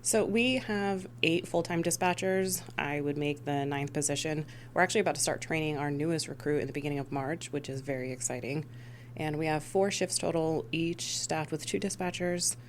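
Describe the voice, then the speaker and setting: Interviewed about her work as an emergency dispatch supervisor, an American woman from Missouri and Rhode Island replies in a conversational, low-pitched voice at normal speed. A slight hiss or hum sits under the audio.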